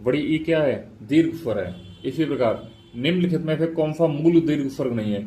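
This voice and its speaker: A man's voice: fairly high pitch, fairly quick, dark tone, a little hiss or hum. A male teacher giving an exam prep lecture, asking questions aloud and answering them himself, repeating each key point.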